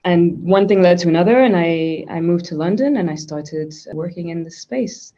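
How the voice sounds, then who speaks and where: A Swiss woman with a fairly low, mellow voice speaks at a moderate pace as a guest in a conversational interview. She talks thoughtfully, restarting often, and the recording has a dull lo-fi sound.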